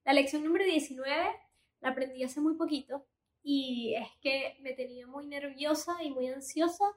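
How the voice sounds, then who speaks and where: A woman's voice: high voice, normal speed, roomy sound. A woman in her thirties giving earnest, encouraging life lessons in a confiding personal monologue. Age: 30s. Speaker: motivational vlogger.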